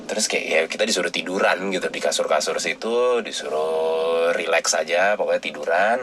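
A young man tells a personal story in loose, slangy chat. His voice sits low but has a bright edge. He jumps into the voices of the people in the story as he goes. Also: normal speed, slight background noise. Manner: animated, slangy, acts out quoted people.

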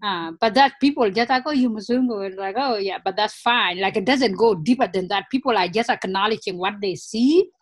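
A woman's voice: mid-range voice, a little fast, few pauses, dry recording. A woman from Africa, a guest in an interview, talking earnestly and reflectively in a conversational way. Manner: earnest, reflective, many "you know" fillers.

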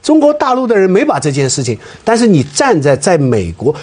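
A male panel guest with a raspy, slightly higher voice who argues his points firmly. His pitch rises and falls widely as he brings in statistics to counter the other speakers. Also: huge pitch swings, brisk, a little mellow. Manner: argumentative, cites statistics. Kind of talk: panel debate.

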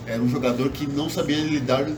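A man's voice: mid-range voice, fairly even intonation, fast talker. A man arguing football in a heated casual panel talk, swearing and talking over the others to keep his turn. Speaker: football pundit. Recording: distant mic with loud background noise.

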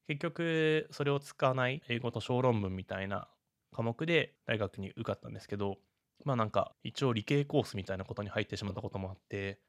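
A man hosting a casual solo podcast, talking in an animated, chatty way. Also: medium pitch, dry recording, clean studio sound. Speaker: podcast host.

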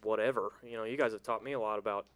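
A man's voice: fairly low pitch, steady tone, rapid-fire, a bit bright. A man co-hosting a casual podcast, easygoing and rambling. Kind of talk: casual chat.

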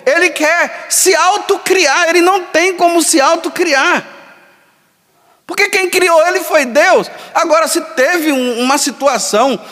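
Emphatic high-voiced priest. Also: male voice, measured pace, bright, forceful tone. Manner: emphatic, acts out imagined dialogues. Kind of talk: sermon. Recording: long hall reverb.

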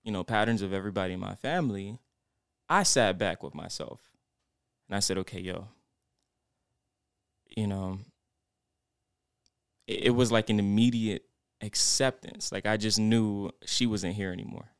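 A man's voice: on the low side, normal speed, long pauses, clear, resonant tone, dry recording, studio quality. A young man co-hosting a podcast, telling a personal story in a reflective, rambling way with lots of fillers. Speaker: podcast co-host. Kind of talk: casual podcast chat.

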